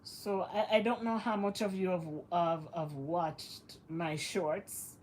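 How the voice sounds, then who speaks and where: Speaking slowly in a lowish, slightly mellow voice, a woman from the West Indies chats to her vlog audience on camera. Illness leaves her sounding stuffed-up and nasal, she repeats herself for emphasis, and a little background noise is audible.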